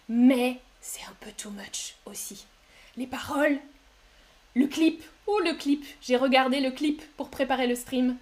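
High-voiced woman, slow and clear. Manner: slow and clear, with many "euh" fillers, sings song excerpts. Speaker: French teacher streaming to learners. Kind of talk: casual live-stream lesson.

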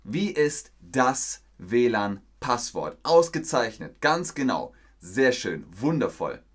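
A man teaching a live-streamed language lesson, repeating words slowly and praising his viewers. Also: medium pitch, sing-song. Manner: slow, repetitive, encouraging teacher talk. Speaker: German teacher.

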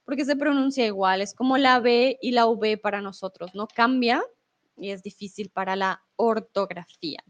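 A woman's voice: a little high, moderate pace, muffled recording. Chatty Colombian woman teaching Spanish. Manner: chatty, explains with examples and asks "¿vale?". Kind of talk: casual live lesson, reading viewer comments.

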